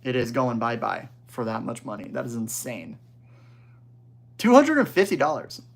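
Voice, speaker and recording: A man's voice: mid-range voice, wildly swooping pitch, normal speed, vocal fry. A young man talks loosely into a desk microphone from his home streaming setup, hosting a livestream. He reads viewer messages aloud and answers them in easygoing, slangy banter, with the odd laugh. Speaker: livestream host. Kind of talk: casual livestream chat.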